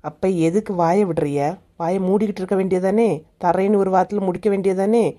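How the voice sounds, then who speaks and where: A woman's voice: mid-range voice, steady tone, fairly quick, lightly acted. A woman playing a blunt, taunting young village woman. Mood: demanding. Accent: Kanyakumari Tamil. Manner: sharp, taunting.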